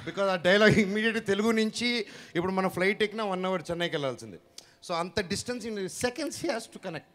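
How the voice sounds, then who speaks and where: Bright, rapid stage anchor. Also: male voice, high-pitched. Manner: teasing, loud, works the crowd. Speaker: event anchor. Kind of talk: teasing stage hosting. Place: stage at a crowded launch event.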